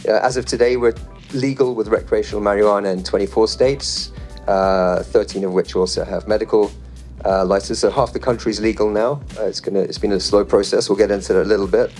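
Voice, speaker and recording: A man moderating a panel in front of a live audience, chatty and relaxed, reading statistics off his phone with light jokes. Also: fairly low pitch, brisk, soft background music.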